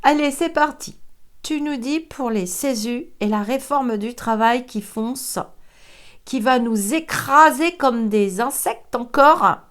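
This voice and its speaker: An older woman talks through a psychic card reading in an unhurried, chatty way. Her voice sits slightly high, and she laughs easily between remarks. Now and then she drops into a whisper. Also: fairly bright tone. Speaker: psychic reader. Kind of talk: casual tarot reading chat.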